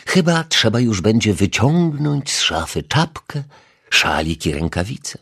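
A polite, mild-mannered detective from a children's audiobook, as the narrator voices him. He talks gently, a touch sheepish, slightly above the narrator's pitch. The tone stays soft and breathy. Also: sing-song, unhurried, exaggerated voice. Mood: shivering. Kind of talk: audiobook character voice.

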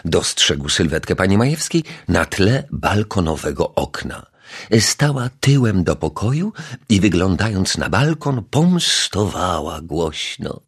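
A man narrating a children's audiobook in a slow, expressive storytelling voice. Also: low-pitched, breathy edge.

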